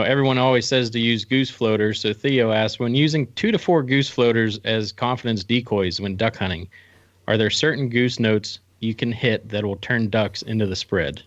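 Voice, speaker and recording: A man's voice: mid-range voice, fairly bright tone, highs cut off. A man hosting a casual interview podcast in an informal, conversational way. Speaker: podcast host.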